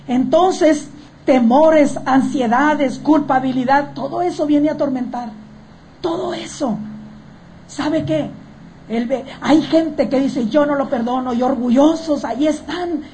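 A woman's voice: high-pitched, warm tone, slight background noise. A woman preaching a sermon, emphatic and full of rhetorical questions to the congregation.

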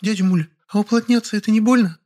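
A man's voice: sits high, quick pace, a little mellow, pitched above the performer's own voice, natural voice. A man voicing an earnest, proud little boy in an audiobook, talking with self-importance. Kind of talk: audiobook character voice.

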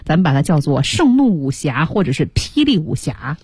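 A woman co-hosting a radio English lesson, commenting in an animated, exclamatory way with rhetorical questions. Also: low voice, normal speed, husky, no room sound. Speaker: radio co-host. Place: radio studio.

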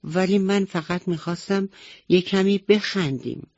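A woman voicing a playful, mischievous little monkey in a children's bedtime radio story, in a high, lively teasing voice. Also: lightly acted. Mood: sorry. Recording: dull lo-fi radio recording.

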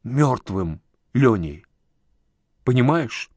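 A man voicing a grieving older uncle, halting and emotional in an audiobook. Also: mid-range voice, darkish tone, no echo, studio quality, lightly acted. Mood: distraught.

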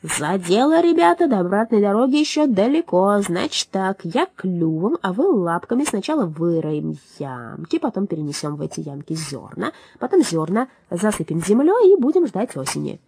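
A woman's voice: medium pitch, very animated, normal speed, vocal fry, few pauses, warm tone, slightly rough, dry recording, full character voice. A woman voicing a bossy male bird who commands a band of mice in a storybook, speaking in a stern, commanding way.

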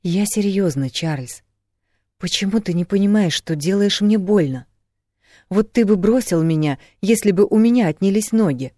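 Audiobook: man doing a high, fiery young woman, indignant and pleading, close dry read. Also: normal speed, a little mellow, no echo, close to an everyday voice. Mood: scolding. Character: spirited young woman, quick-tempered and loving. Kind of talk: audiobook reading.

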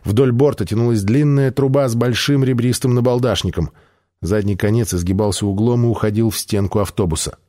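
A man reads a first-person audiobook in a mid-pitched voice. His reading is measured and steady. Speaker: audiobook narrator. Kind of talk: scripted first-person narration.

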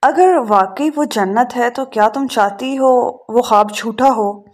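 A woman's voice: on the high side, close to an everyday voice. A woman reading as a terse, teasing husband. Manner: dry, quietly teasing. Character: composed middle-aged husband, teasing and terse.

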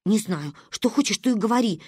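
A woman voicing a shy, nervous little girl who speaks in a timid, earnest squeak. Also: animated, a little fast, mellow, husky, no room sound, studio quality.

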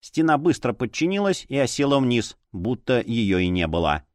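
A male narrator reading a fantasy audiobook in an expressive storytelling way. His mid-pitched voice moves through a lively melodic range, recorded dry and close to the mic. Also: moderate pace, no room sound.

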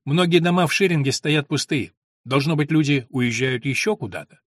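A man voicing an old, smug castle steward who answers in a calm, unruffled manner. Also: a little high, moderate pace, no echo, clean studio sound, lightly acted.

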